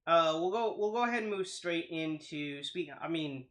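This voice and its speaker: A man's voice: fairly high pitch, lively intonation, moderate pace, fairly bright tone. A man hosting a reaction video, chatting casually and rambling, restarting his sentences often. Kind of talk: casual chat.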